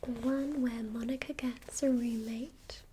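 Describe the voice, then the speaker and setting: Woman as a slow, whispering librarian in whispered role-play. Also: fairly high pitch, fairly even intonation, a little hiss or hum, natural voice. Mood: gentle, hushed. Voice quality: soft breathy whisper. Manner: gentle, unhurried library whisper. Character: helpful female librarian recommending books. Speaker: ASMR performer.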